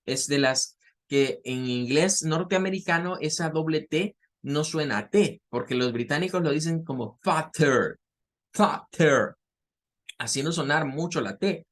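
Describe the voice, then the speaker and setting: A man teaches English grammar to his class. He explains step by step, repeating words and pausing on fillers as he works through examples. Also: on the high side, a bit bright.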